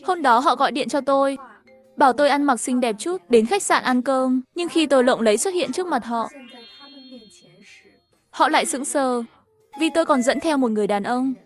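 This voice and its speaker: A woman narrating a first-person story over animation, voicing every character herself in an even storytelling manner. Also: sits high, normal speed, pauses often, faint music behind.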